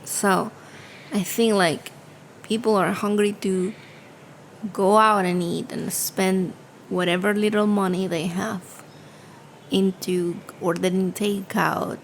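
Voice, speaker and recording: A woman co-hosting a podcast conversation, speaking in an unhurried, thoughtful way with trailing fillers. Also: mid-range voice, steady tone, a little hiss or hum, low-quality recording. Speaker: podcast co-host. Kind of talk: casual conversation. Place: home studio.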